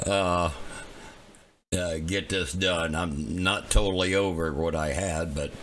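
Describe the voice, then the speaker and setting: A middle-aged man with a Southwest Ohio accent, hoarse from illness, chatting casually and folksily on a live weather stream, with many fillers. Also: deep voice, steady tone, slow pace, a bit bright, a little hiss or hum. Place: home weather command center.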